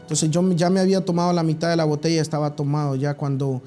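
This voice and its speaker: A man's voice: on the high side, flat delivery, mellow, faint music behind. Earnest man giving testimony. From Honduras. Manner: earnest, halting, with frequent restarts. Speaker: church member giving testimony. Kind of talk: personal testimony.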